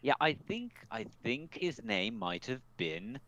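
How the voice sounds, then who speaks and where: Male player, chatty and halting, voice swinging up and down. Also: mid-range voice, no echo. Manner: hesitant, restarts often, animated. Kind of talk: casual tabletop play.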